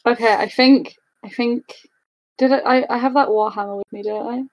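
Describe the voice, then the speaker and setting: Female tabletop player, fairly high voice, dry close sound, casual, animated, informal. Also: normal speed, dry recording, rough recording. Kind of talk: casual game-table chat.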